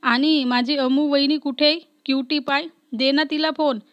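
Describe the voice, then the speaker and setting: A woman voicing a young female officer who is strict, playful and quick to scold. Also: high-pitched, steady tone, a bit bright. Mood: teasing. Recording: dull lo-fi recording.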